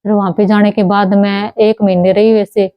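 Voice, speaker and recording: A young woman telling her own story in a halting way, often breaking off and restarting her words. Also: mid-range voice, level tone, no room sound, highs cut off. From Haryana. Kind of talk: personal testimony.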